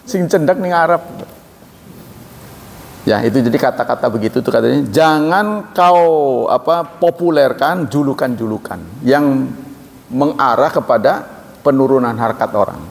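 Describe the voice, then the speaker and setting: A man giving a religious lecture as a preacher, reciting verses and explaining them, sudden jumps in pitch when he quotes people. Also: moderate pace, creaky. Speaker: Islamic preacher. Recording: reverberant hall, faint noise.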